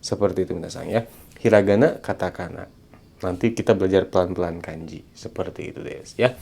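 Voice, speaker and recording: A man giving a casual video language lesson, chatty and friendly, slowing down to spell out sounds syllable by syllable. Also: sits low, vocal fry, dark tone, slightly rough. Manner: chatty, repeats a friendly term of address, slows down to spell out sounds. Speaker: Japanese language teacher.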